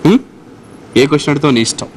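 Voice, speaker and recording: A man's voice: on the high side, animated, rapid-fire, slight background noise. A man hosting a children's quiz show, playfully teasing and coaxing a young contestant, often repeating himself. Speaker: game show host.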